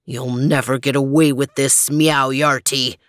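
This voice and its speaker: A woman's voice: deep voice, slow, no echo, studio quality, voice pushed down. A woman voicing a brave male detective who speaks firmly and defiantly in a storybook reading. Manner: firm and defiant. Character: bold male detective hero.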